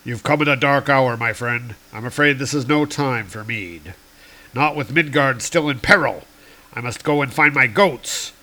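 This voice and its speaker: A man voicing a proud, hot-tempered male god from a comic, speaking in booming archaic declarations. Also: normal speed, bright, forceful tone, natural voice. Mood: angry commanding.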